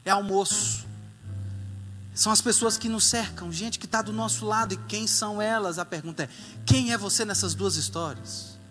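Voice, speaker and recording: A man preaching a sermon as a dramatic, animated storyteller in a church. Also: high-pitched, moderate pace, big-room sound, faint music behind.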